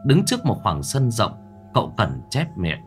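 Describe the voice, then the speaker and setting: A man narrating a story in a dramatic, animated way. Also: lowish voice, normal speed, soft background music. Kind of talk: scripted storytelling.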